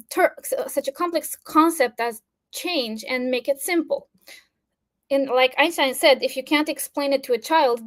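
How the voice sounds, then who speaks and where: A woman from Romania giving an earnest presentation over a video call, with fillers and restarts. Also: high-pitched. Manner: earnest, with fillers and restarts, briefly flustered by tech trouble. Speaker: speaker at an online talk. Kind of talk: presentation talk.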